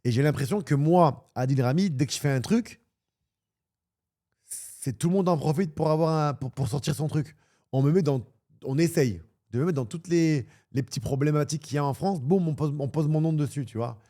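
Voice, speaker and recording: A man talking casually as a streamer, rambling, joking and swearing crudely as he gets animated. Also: fairly high pitch, normal speed. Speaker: streamer and football pundit. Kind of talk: casual livestream chat.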